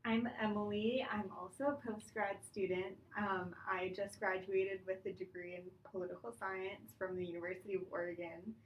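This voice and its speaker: A woman's voice: medium pitch, steady tone, moderate pace, hardly any pauses, slight background noise. Easygoing young woman, distant and echoey. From Hawaii, USA. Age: 20s. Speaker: student guest. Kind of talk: casual chat. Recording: dull, echoey sound from off-mic.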